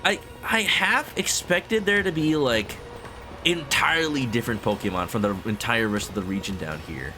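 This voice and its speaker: A man's voice: medium pitch, normal speed, music in the background. A man casually commentating a video game livestream in a playful, exclamatory way.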